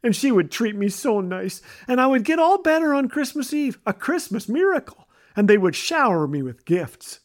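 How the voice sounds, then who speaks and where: A man's voice: very high voice, very animated, moderate pace, hardly any pauses. A man from Canada telling funny, self-mocking stories as a radio host. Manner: wry, self-mocking delivery. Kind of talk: humorous storytelling.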